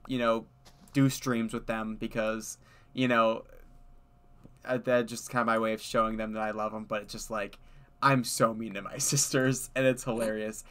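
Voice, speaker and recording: A man's voice: fairly low pitch, level tone, normal speed, fairly bright tone, smooth. A young man streaming and chatting casually, rambling with lots of fillers and frequent laughter. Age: young adult. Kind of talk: casual chat while gaming.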